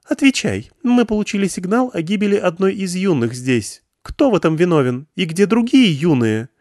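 A man voicing an imperious young woman commander who gives shrill, drawn-out orders. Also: big pitch swings, a little mellow, no room sound, clean studio sound.

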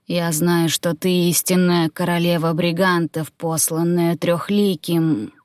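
A woman reading an audiobook voices an old grey-haired male druid, cold and calculating, who speaks slowly in a low, wheezing murmur. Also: little pitch movement, a little mellow, no echo, studio quality. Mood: grim.

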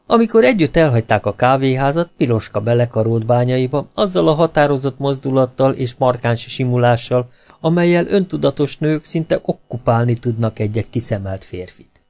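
A man's voice: medium pitch, expressive, darkish tone. A man narrating a humorous novel as an audiobook, in an ironic storytelling manner with rhetorical questions.

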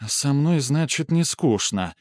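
A man's voice: fairly high pitch, animated, takes it slowly, no room sound, studio quality, voice pushed up. A man voicing a wary young raider woman. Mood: defensive.

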